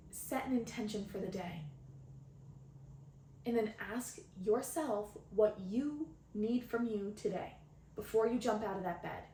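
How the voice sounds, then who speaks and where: A woman's voice: on the high side, darkish tone, echoey room. Earnest woman podcasting on a phone. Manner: earnest, meandering, frequent "right?". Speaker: podcast host and channeler. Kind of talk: spiritual podcast talk.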